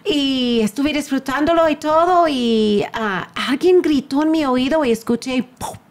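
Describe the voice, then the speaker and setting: This older woman is a pastor talking in a relaxed podcast conversation. Her voice sits somewhat high. She tells her stories in a chatty way and acts out the quoted lines with playful squeaks. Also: measured pace. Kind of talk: casual podcast chat.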